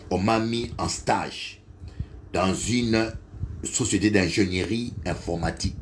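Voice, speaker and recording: A middle-aged man with a Congolese French accent, preaching a sermon and telling a personal story, slow and then loud and high. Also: slight background noise. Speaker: bishop preacher.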